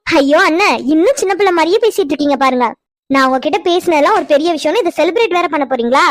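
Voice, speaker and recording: A high, quick, bossy sister. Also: female voice, lively intonation, slight background noise. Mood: teasing. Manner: scolding, teasing. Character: grown woman, sister, bossy but affectionate. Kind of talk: cartoon voice acting.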